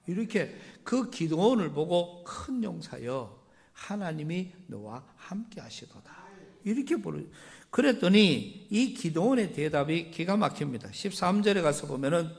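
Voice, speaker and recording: A male pastor with a Gyeongsang accent preaching a sermon. He reads scripture and retells it in everyday words, swinging between loud emphasis and quiet asides. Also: sits high, lively intonation, moderate pace, creaky. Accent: Gyeongsang Korean.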